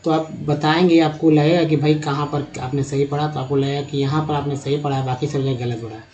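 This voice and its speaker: A man teaching beginners to read, spelling out letters slowly and repeating each word. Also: fairly high pitch, fairly even intonation, a little mellow, dull audio. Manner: addresses viewers as friends, asks and answers his own questions. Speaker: English reading teacher. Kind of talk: explanatory lesson for beginners.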